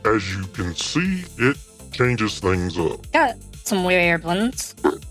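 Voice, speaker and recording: A man's voice: huge pitch swings, slow, fairly bright tone, soft background music, exaggerated voice. A man through a morphing voice changer. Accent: Southern US. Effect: voice changer shifting his voice low and high. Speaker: tech reviewer. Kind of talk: product demo.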